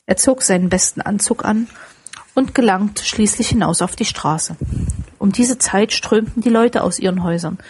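A woman reading a classic story as an audiobook narrator, in a steady, expressive storytelling manner. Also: medium pitch, husky.

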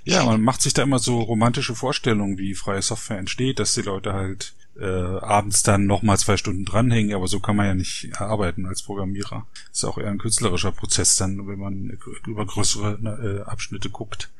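A man hosting a casual podcast interview, talking in a relaxed, conversational way. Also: lowish voice, a little fast, hardly any pauses, slight background noise. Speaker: podcast host.

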